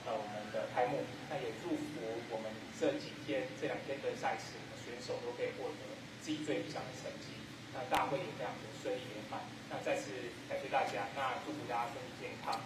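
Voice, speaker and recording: A man with a Taiwanese Mandarin accent giving a rambling, informal opening ceremony speech as a guest. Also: mid-range voice. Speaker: guest speaker, former athlete. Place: echoey sports venue at opening ceremony. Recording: noisy roomy hall, distant microphone.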